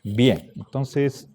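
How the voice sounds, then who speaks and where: A man teaching a class, lecturing deliberately and checking in with his students again and again. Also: medium pitch, warm tone, husky. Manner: slow, deliberate, checks understanding with frequent "¿sí?".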